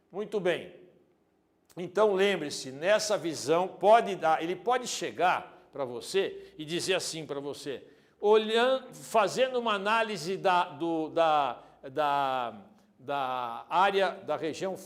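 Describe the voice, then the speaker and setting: A man teaching an anatomy video lesson, lively and joking, speaking straight to the student and swinging between loud and soft. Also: high voice. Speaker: exam prep teacher.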